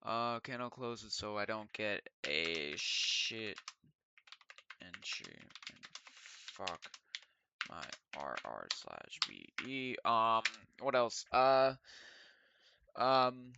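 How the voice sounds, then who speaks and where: A man casually talking to himself in slangy, halting mutters as he records a trading journal recap. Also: on the low side, sing-song. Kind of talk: casual self-talk while typing, screen recording. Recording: dull mic, clear noise, keyboard clicks.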